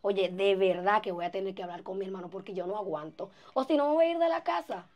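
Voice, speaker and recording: A woman's voice: mid-range voice, fast, a little mellow, close to an everyday voice. A woman playing an uneasy young woman who protests against her sister-in-law's advances. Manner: flustered, protesting.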